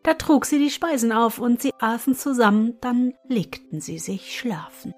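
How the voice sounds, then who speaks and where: A woman reading a fairy tale aloud for a podcast in a calm, measured manner. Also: fairly high pitch. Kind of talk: storybook reading. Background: faint music.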